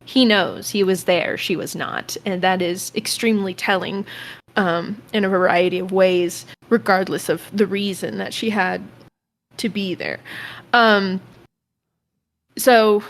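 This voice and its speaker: A woman's voice: mid-range voice, fairly even intonation, unhurried, a little hiss or hum. A woman playing a tabletop role-playing game, chatting casually and rambling with lots of fillers. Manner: rambling, with many fillers and restarts.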